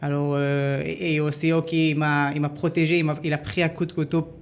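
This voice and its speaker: Speaking French with a foreign Israeli accent, this former army dog handler from Israel recounts his story as an interview guest, pausing haltingly as he hunts for words. His voice is a little high and clean-toned, with little pitch movement.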